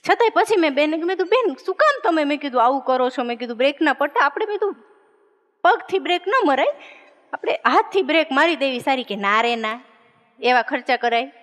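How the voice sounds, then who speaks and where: Woman comic, bright high voice, chatty joke-telling, reverberant hall. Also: expressive, fast talker. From Gujarat, India. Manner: chatty storyteller acting out dialogue. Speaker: comedian.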